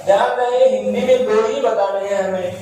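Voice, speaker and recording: A man's voice: high-pitched, steady tone, moderate pace, dark tone, a little hiss or hum. A man teaching Hindi grammar in a class, repeating key points and asking and answering his own questions. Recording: very echoey room, mic at a distance.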